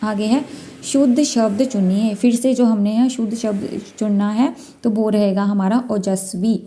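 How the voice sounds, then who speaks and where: A woman's voice: medium pitch, steady tone, measured pace, mellow. A woman teaching a Hindi exam-prep lesson, going through questions one by one, repeating key words and sounding out letters as she explains.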